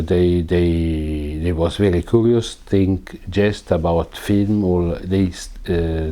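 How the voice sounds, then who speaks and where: A cinematographer from Italian-speaking Switzerland gives a recorded interview in a deep, dark-toned voice. He speaks slowly and haltingly, searching for English words and filling gaps with frequent "uh"s.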